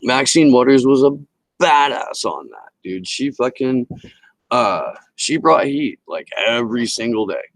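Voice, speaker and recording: A man with a low-pitched voice hosts a livestream talk show, ranting casually and emphatically about politics to his live chat with heavy swearing. His intonation is lively and his pace a little slow. The close headset-style recording is rough, with no echo.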